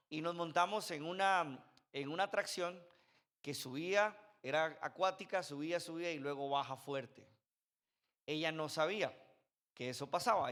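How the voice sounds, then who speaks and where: Man, 30s, high-pitched, conversational storytelling preacher. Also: a bit bright. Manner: conversational storytelling with sound effects. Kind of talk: sermon. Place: church. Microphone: handheld microphone.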